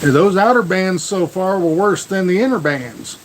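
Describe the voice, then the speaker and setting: American man, slightly high voice, folksy rambling, casual live stream host, faint hissy noise outdoors. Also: animated, normal speed, rough recording. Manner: rambling, folksy, repeats words. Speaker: livestream host. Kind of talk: casual live storm vlog chat. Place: outdoors near a truck in rain.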